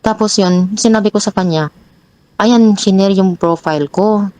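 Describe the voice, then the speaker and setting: A young woman telling her own troubling story as a guest, growing animated and restarting often as she recounts arguments. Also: normal speed, no echo. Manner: animated, pitch jumps high when retelling arguments; frequent restarts and repeated words. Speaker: guest sharing a personal story. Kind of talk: emotional personal storytelling.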